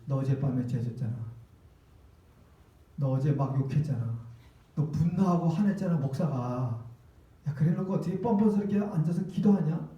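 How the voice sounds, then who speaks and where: A man's voice: fairly high pitch, distant mic, dull audio, voice pushed down, natural voice. A man playing a sneering devil who scornfully accuses and mocks a believer, in an echoey church hall. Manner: mocking, scornful, belittling. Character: sneering accusing male devil, whispering taunts.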